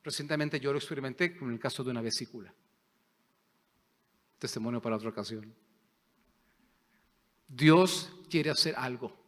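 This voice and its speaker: A man preaching a sermon as pastor, impassioned, swinging between loud declarations and hushed, near-whispered prayer. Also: mid-range voice, normal speed, long pauses. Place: church sanctuary. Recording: long hall reverb.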